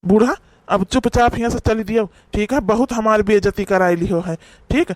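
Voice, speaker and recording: Man doing a cartoon village elder husband, Awadhi accent, stern scolding, highish voice, dry. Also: normal speed, dry recording, lightly acted. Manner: stern, reproachful rural scolding. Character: older husband scolding his proud wife. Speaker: cartoon voice actor.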